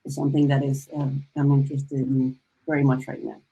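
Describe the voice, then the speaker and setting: A woman from the Republic, a storyteller and novelist speaking in a panel discussion over a video call, halting and full of fillers. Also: rumbling low, completely flat delivery, mellow, breathy edge, rough recording. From Dominican Republic.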